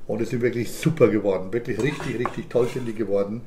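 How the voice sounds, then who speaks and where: A man talks viewers through a recipe in his home kitchen, chatty and instructive. His voice rings off hard kitchen walls, and pans, dishes and cutlery clatter clearly behind him. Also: on the low side, steady tone, fast talker, darkish tone, slight background noise. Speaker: chef cooking at home. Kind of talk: casual cooking demonstration. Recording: echoey kitchen with cooking clatter.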